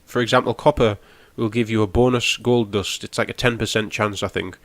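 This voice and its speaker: Brisk and fairly even in intonation, a young man's lowish voice, free of echo, leads a casual gameplay walkthrough for his gaming channel. Nasal and snotty from a cold, he rambles, explains along the way, and says "um" a lot.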